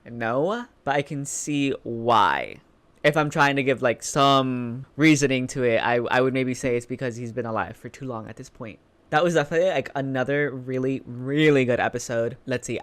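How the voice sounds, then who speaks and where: Clear-voiced man chatting casually, emphatic. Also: medium pitch, normal speed, fairly bright tone. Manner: informal, emphatic, repeating phrases for emphasis. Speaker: reaction video host. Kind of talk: casual chatty commentary on a TV show.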